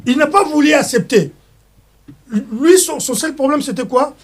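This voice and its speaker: Man, Congolese French accent, high-pitched voice, heated political interview, impassioned, stumbling restarts. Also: moderate pace. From Democratic Republic of the Congo. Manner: mixes French with Lingala phrases. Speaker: political guest.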